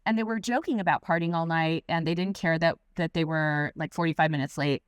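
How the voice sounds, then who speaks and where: A woman with a lowish voice recounts her stories with lively energy and often slips into quoted voices. She is middle-aged and speaks as an interview guest. The sound is close and dry. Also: fairly quick, clean tone, no room sound. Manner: animated anecdotes, acts out quotes. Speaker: guest, investigative correspondent. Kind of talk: storytelling interview chat.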